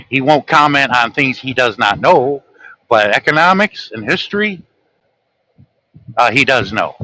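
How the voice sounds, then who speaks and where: On a low-quality recording, a pushed, bright, mid-range male voice belongs to a livestream host from the United States. Reading from notes he wrote himself, he delivers an earnest, lecturing monologue and talks straight to his viewers.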